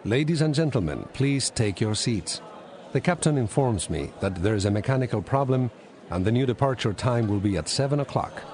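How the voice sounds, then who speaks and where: A man's voice: mid-range voice, animated, a little fast, darkish tone, lightly acted. A man playing a polite, formal airline gate announcer, reading out an airport announcement. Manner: polite, formal, scripted delivery.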